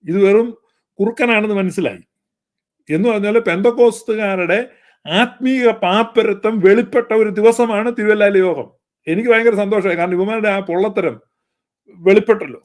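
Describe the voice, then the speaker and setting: A man's voice: high voice, normal speed. A man preaching in a fervent, scolding style, with pointed repetition. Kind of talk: sermon-style critique.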